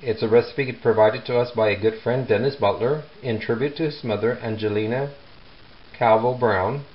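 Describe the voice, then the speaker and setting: A man hosting a casual home cooking demonstration, talking in unhurried short phrases with pauses. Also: mid-range voice, muffled recording. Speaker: home cooking show host. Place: home kitchen. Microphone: handheld camera mic, off screen. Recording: clear background noise, sizzling pan.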